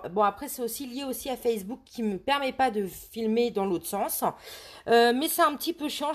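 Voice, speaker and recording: A French woman hosting a live craft demonstration, talking casually with many hesitations and restarts while she works. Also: on the high side. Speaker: scrapbooking live host. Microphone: camera on a tripod.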